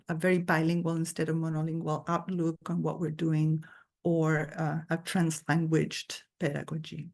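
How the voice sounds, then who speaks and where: A woman's voice: low-pitched, darkish tone. A woman guest lecturer giving an earnest, thoughtful academic talk over a video call.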